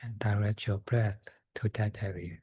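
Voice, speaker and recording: A man softly guiding a breathing meditation, slow and soft-spoken with long pauses and fillers. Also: on the low side, steady tone, breathy edge, dry recording. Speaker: meditation guide.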